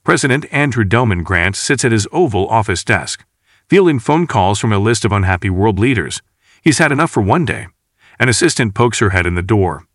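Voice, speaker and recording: A man reading his own novel aloud as an audiobook, with an expressive storytelling delivery. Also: on the low side, brisk, dry recording, clean studio sound. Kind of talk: audiobook narration.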